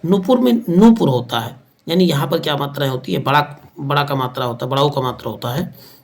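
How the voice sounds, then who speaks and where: A man teaching an online exam-prep lesson with an energetic, emphatic delivery, often repeating words for emphasis. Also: medium pitch, brisk. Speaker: Hindi grammar teacher.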